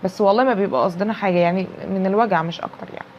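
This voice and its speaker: A woman with an Egyptian Arabic accent giving a casual tarot reading, animated and repetitive, speaking straight to the viewer. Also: mid-range voice, very fast, lo-fi sound, slight background noise. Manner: animated, repeats herself, talks straight to the viewer. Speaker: tarot reader.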